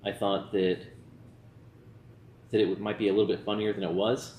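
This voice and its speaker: Kinda drunk guy rambling thru a casual movie review, deepish voice, echoey room. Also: flat delivery, normal speed, a little mellow. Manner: tipsy, loose and rambling. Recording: roomy echo with background noise.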